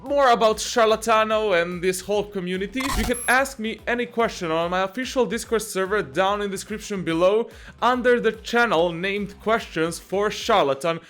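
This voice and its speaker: High-voiced joking young man. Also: moderate pace, fairly bright tone, soft background music. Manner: jokey, laughs often, many fillers and restarts. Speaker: channel host and game coach. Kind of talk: casual Q&A vlog.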